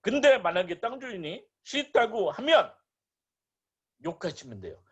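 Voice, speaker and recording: A man teaching a property lecture in a high, lively voice that jumps around as he fires rhetorical questions. His tone is a little husky, and the recording sounds dull and lo-fi. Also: moderate pace. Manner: animated, rhetorical questions, playful asides. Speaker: real estate agent and lecturer. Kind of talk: online lecture.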